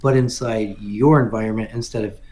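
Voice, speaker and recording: A man's voice: on the low side, fairly even intonation, fairly quick, warm tone, a little hiss or hum. A man co-hosting a coding session, joking and chiming in with suggestions in casual chat.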